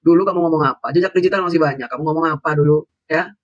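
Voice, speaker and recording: A man delivers a heated political rant in a quick, high voice, mocking and insulting as he goes. The sound is dry and close, with no room echo. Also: dull audio. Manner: laughs scornfully. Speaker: political commentator. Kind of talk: angry political vlog rant.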